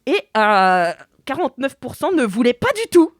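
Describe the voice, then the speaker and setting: A woman hosting a podcast, chatting casually and introducing her guests in a lively way. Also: sits high, normal speed, no room sound, studio quality. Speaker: podcast host.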